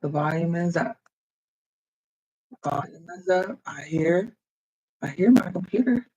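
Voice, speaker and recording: Warm, animated and a bit breathy, this mid-range voice moves at a measured pace through a muffled recording. The livestreamer talks directly to viewers in casual stream chat, thinking aloud while fiddling with computer audio settings, using a computer microphone and headphones indoors.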